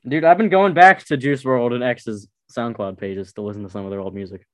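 A man's voice: medium pitch, brisk, dry recording. A young man in casual chat, laid-back and joking, saying "dude" often.

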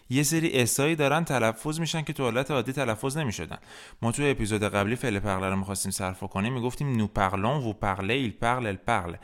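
A man's voice: lowish voice, clear, resonant tone. A man teaching French in a podcast lesson, patiently explaining grammar step by step and modeling words for the listener to repeat. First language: Persian.

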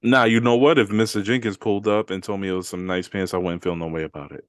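A fast-talking podcast co-host with a lowish, smooth voice and steady tone chats casually in a laid-back, slangy manner. He reads listener comments aloud on a dry, studio-quality recording.

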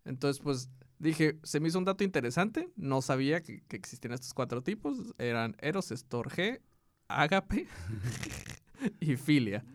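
A man with a Mexican Spanish accent co-hosting a podcast in casual chat, relaxed and reading definitions aloud. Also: fairly high pitch, unhurried, dry recording. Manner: laid-back, reads aloud with laughs. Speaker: podcast co-host.

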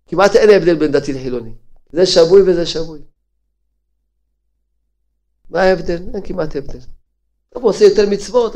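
A rabbi delivering a sermon in a somewhat high voice for a man. He pounds his listeners with rhetorical questions and swings from loud outbursts to near-hushed lines.

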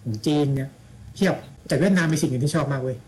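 A man's voice: a little high, fast, darkish tone, rough recording. A man in casual chat, blunt and slangy, with mocking asides.

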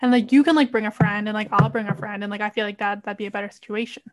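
A woman's voice: medium pitch, fairly even intonation, rapid-fire, slight background noise. A young woman guest on a podcast, talking in a dry, sarcastic way. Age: young adult. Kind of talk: casual chat.

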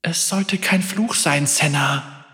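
A man voicing a gentle female spirit who speaks softly, melodic and sad. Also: fairly high pitch, slow, long reverb tail, pitched above the performer's own voice. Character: gentle sorrowful female spirit, soft and fragile.

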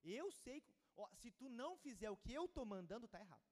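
A man's voice: extremely high pitch, big pitch swings, fairly quick. A man playing a proud, offended foreign army commander who talks in indignant, demanding slang. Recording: long hall reverb.

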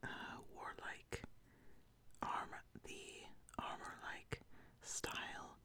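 A woman in a whispered role-play as a fantasy tailor, musing hesitantly as she talks a client through a garment design. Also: drawn-out words. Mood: musing, approving.

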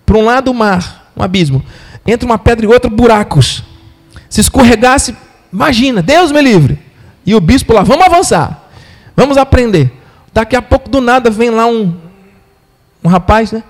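A man with a Brazilian Portuguese accent preaching a sermon, telling a story with animated voices for the people in it. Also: very high voice, normal speed. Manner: animated storyteller, acts out quotes. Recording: long hall reverb.

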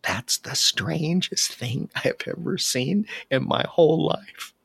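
A man's voice: a little high, animated, slow pace, gravelly, breathy edge, no echo, heavily acted. A man doing a polite little frog. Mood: amazed. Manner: polite and quietly curious. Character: small polite curious young frog.

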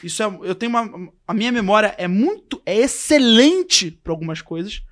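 A man's voice: high voice, normal speed. A young man casually telling a story on a podcast, acting out the quotes and voices of the people in it. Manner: animated, acts out quotes and voices. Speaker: podcast guest.

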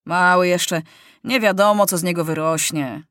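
A woman voicing a stern young corporal giving a gruff warning. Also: lowish voice, fairly even intonation, normal speed, fairly bright tone, dry recording, studio quality, natural voice. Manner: stern, admonishing.

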